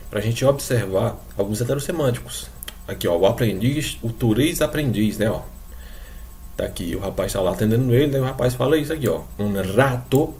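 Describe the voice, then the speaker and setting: A man's voice: medium pitch, warm tone. Brazilian guy teaching an online class, patient, keeps checking in with students, faint noise behind. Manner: explains patiently, repeats examples, checks in with students. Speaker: Spanish teacher. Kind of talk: recorded online class lecture.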